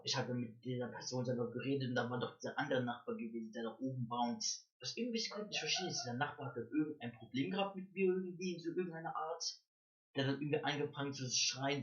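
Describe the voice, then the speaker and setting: A young adult man vlogging, telling a rambling story that swings between mumbled asides and loud, excited bursts. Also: medium pitch, fast. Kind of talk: casual storytelling to camera. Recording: dull lo-fi recording.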